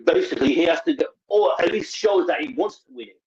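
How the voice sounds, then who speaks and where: A man's voice: fairly high pitch, fast talker, darkish tone. A man calling in to a casual football chat, talking with a sore mouth that has stitches after dental work. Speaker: fan caller. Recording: dull lo-fi call audio.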